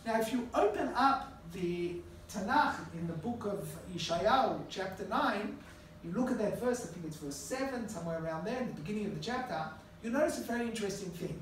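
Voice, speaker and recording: A middle-aged Australian rabbi with a high-sitting voice speaks fairly quickly, telling stories and making relaxed asides to his students in a conversational classroom lecture. The live classroom audience is heard through an echoey, distant recording with faint noise.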